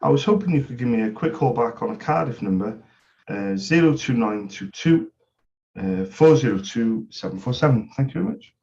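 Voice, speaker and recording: A man's voice: medium pitch, lively intonation, fairly quick, a little mellow. A man leaving a short voicemail message, hesitant with filler sounds. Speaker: caller. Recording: dull lo-fi recording.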